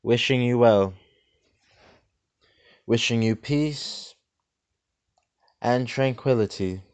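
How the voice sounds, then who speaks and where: A man giving a deadpan parody of a guided meditation in a slow, calm, soothing voice. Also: medium pitch, smooth. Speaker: host of a parody meditation video.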